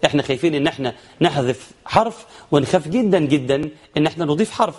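A man with an Egyptian accent teaching Quran recitation rules, explaining quickly and then chanting verses slowly. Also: a little high, animated, a little mellow. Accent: Egyptian Arabic. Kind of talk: tajweed lesson with chanted examples.

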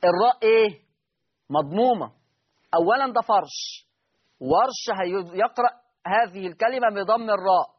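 A man with an Egyptian accent and a high voice teaches a recitation lesson. He explains step by step, repeats key points and quizzes his students. The recording sounds slightly muffled and lo-fi. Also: normal speed, pauses often, husky. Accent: Egyptian Arabic.

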